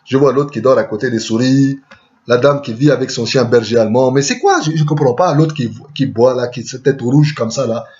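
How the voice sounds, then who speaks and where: A man's voice: mid-range voice, steady tone, brisk, darkish tone, dull audio. A man telling a rambling comic story, full of chatty asides and word-play.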